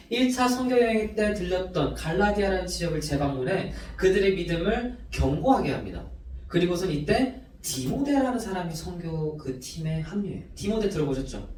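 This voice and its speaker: A man's voice: high-pitched, a little hiss or hum. A young man, a youth pastor, preaching a sermon to teenagers and quizzing them with questions as he goes. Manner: animated, quizzes listeners with questions. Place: church worship room. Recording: echoey room, voice from far off.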